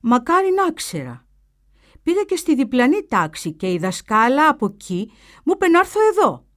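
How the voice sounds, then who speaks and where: A woman's voice: high voice, big pitch swings, pitched above the performer's own voice. A woman voicing a self-assured young schoolboy who talks in a casual, matter-of-fact way. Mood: offhand. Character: bold, offhand young schoolboy.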